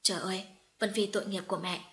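A woman's voice: mid-range voice, fairly even intonation, fast talker, a bit bright, close to an everyday voice. Brief: a woman reading a weeping middle-aged mother in an audio story, level mid voice. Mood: tearful. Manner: tearful, apologetic. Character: grieving middle-aged mother reunited with daughter.

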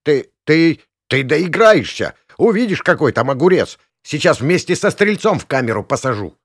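Brief: male narrator as a drunk local cop, shouting and flustered. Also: medium pitch, expressive, unhurried, no echo, studio quality, pitched above the performer's own voice, close to an everyday voice. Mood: angry, blustering. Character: blustering drunk village policeman, man.

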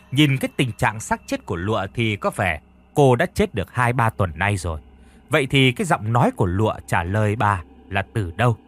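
Expressive male horror storyteller. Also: on the low side.

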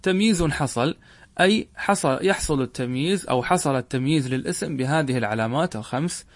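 Man, middle-aged, mid-pitched, patient classroom explainer who repeats points; dry sound. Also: no room sound. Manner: measured, repeats key points, asks rhetorical questions. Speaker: Arabic grammar teacher. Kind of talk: classroom lesson explaining a text.

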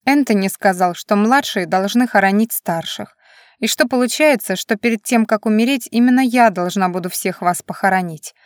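A woman's voice: medium pitch, moderate pace, no room sound, lightly acted. Tearful nine-year-old girl, voiced by the woman narrator, pouting, dry close sound. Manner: sniffling, pouting.

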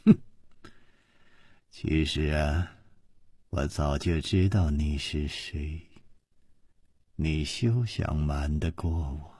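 A man's voice: rumbling low, animated, takes it slowly, pauses often, breathy edge, no echo, clean studio sound, pitched below the performer's own voice, exaggerated voice. A man voicing a cold, hard, fierce middle-aged noblewoman who speaks with icy menace and scorn. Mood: scornful.

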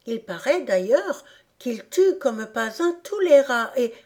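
A woman's voice: a little high, sing-song, slow pace, a little mellow, pitched above the performer's own voice, heavily acted. A woman reading an audiobook, voicing a polite, eager young girl in a raised, sweet voice. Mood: chatty.

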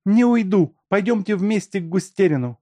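A man's voice: high-pitched, animated, moderate pace, warm tone, no room sound, studio quality, voice pushed up. A man reading an audiobook, voicing a brash, bossy young vagabond woman who squabbles with everyone. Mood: shrill.

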